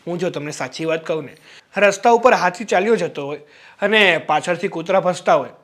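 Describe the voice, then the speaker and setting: A young man acting a younger brother-in-law who coaxes and lectures his sister-in-law, in a family drama. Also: sits high. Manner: coaxing, then loud and exasperated.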